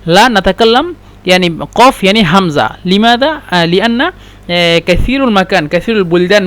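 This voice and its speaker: A man from Bangladesh, a Bengali speaker, teaching a dialect lesson and repeating example phrases slowly with halting explanations. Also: high-pitched, a bit bright. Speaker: language teacher.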